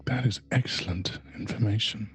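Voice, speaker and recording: A man's voice: lowish voice, moderate pace, a bit bright, slightly rough. A man voicing a cold, menacing female cult leader in a tabletop game, silky and threatening.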